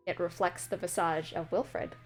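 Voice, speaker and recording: A woman's voice: fairly low pitch, steady tone, normal speed, soft background music. A woman narrating a tabletop game as game master, with a playful, teasing manner.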